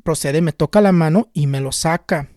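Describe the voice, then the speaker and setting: A man telling a personal story in a casual, halting way, often repeating and restarting words. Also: fairly high pitch, a little mellow, no echo, clean studio sound. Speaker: channel host recounting a spiritual experience.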